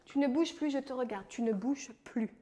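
A French woman with a high, mellow voice coaches a leg workout at home at a moderate pace. She calls out each move and counts reps, cheering people on playfully.

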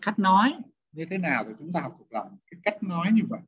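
A man's voice: high-pitched, sing-song, quick pace, fairly bright tone, husky. A male teacher, lecturing a class and questioning students one by one. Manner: questioning students, repeats points. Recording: dull lo-fi sound.

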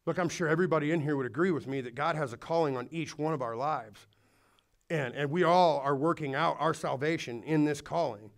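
A pastor with a fairly high voice preaches at a fairly quick clip to his congregation in a church hall. His delivery is earnest and exhorting, broken by a few restarts.

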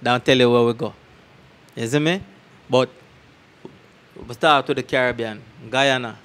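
Medium in pitch, fairly bright, and a little slow with fairly even intonation, this Jamaican-accented man is a dancer being interviewed about his tours. He shares anecdotes in patois, casual and emphatic, into a handheld mic, frequently making sure the listener keeps up, against clear background noise and ambience.

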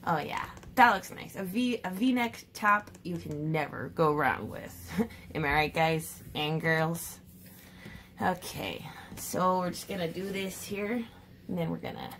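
A woman chatting to viewers in a comedic art vlog, playful and jokey, with drawn-out exasperated sighs. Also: lowish voice, a bit bright, slight background noise. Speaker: art vlogger.

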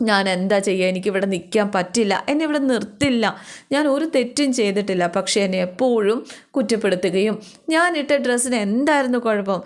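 A proud young woman near tears, as a woman narrator plays her, complaining in halting, broken phrases. She sounds hurt and defiant at once. The pitch stays in an ordinary middle range. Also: expressive, lightly acted. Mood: tearful.

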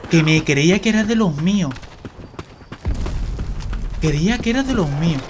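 A man with an accent from Spain, commenting live on his own gameplay, excitable, swearing and exclaiming often. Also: on the high side, normal speed. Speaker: gameplay streamer. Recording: gunfire noise from the game.

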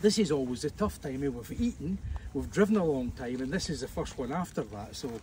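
A Scottish evangelist preaches in a relaxed, chatty way to a tour group at ancient ruins, mixing in jokes and filler words. His mid-range voice is mellow, expressive and brisk, picked up by a distant outdoor mic with faint background noise.

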